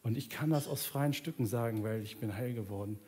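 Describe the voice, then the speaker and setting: Fairly quick in delivery, this pastor in his thirties gives an earnest sermon on a large church stage, alternating soft, low passages with raised pleas before a closing prayer. Soft instrumental music plays beneath him.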